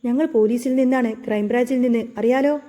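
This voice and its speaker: A woman's voice: a little high, a little fast, warm tone, close to an everyday voice. A woman voicing a stern woman who poses as a police officer and bluffs and threatens.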